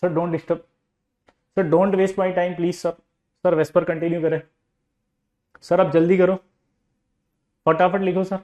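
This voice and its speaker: A cowed, eager-to-please student, as a teacher puts him on, drawn out slowly and softly as he begs his tutor to continue. The voice sits lower and quieter than the lecturer's own, humble and pleading. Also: level tone, dull audio. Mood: meek. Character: suddenly obedient male student, meek and eager.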